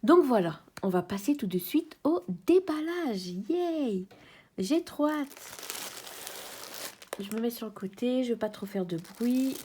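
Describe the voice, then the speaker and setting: A French-accented woman chatting cheerfully in a casual unboxing video, sometimes dropping to a soft whisper. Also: a little high, lively intonation, slow pace, a little hiss or hum. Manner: bubbly, chatty, drops to soft whispers at times. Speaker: crafts YouTuber.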